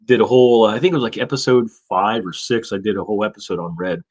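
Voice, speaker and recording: A man's voice: lowish voice, fast talker, darkish tone. A man in his fifties hosting a casual chat, laid-back and swearing freely. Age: 50s. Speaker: host.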